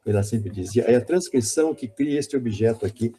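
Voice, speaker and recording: A man's voice: mid-range voice, expressive, fairly quick, warm tone, slightly rough. A man giving an academic conference lecture on linguistics, hesitant and self-correcting, often repeating words.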